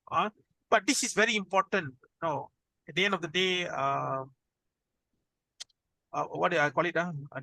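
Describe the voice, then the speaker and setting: A man's voice: on the high side, pushed and bright, dry recording, poor audio. A man with a Malaysian accent teaching informally as an instructor, in colloquial Malaysian English peppered with 'lah'. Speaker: programming instructor. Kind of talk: informal lesson.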